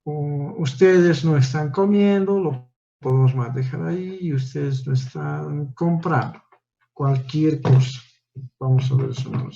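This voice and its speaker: A man's voice: a little high, unhurried, creaky, warm tone, dull audio. A male teacher giving a step-by-step classroom lecture, often checking in with his listeners through short tag questions. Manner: explains step by step, tags lines with "¿no?" and "¿ya?".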